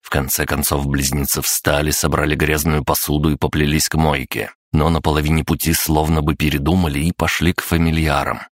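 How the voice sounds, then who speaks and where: Male audiobook narrator, extremely low voice, dry and close, steady delivery. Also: fairly quick, few pauses, dry recording. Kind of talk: scripted narration.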